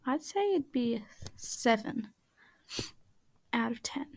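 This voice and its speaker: A woman's voice: fairly high pitch, expressive, slow pace, gravelly, darkish tone, dry recording. A woman chatting casually in a voice-over while she draws, rambling and often dropping to a half-whisper. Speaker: art channel creator.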